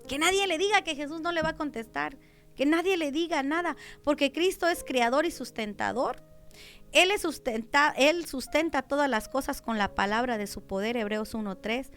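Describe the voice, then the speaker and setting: High-voiced Mexican woman preaching. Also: moderate pace, soft background music. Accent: Mexican Spanish. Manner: emphatic, swings from hushed to loud cries. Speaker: pastor. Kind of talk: radio sermon.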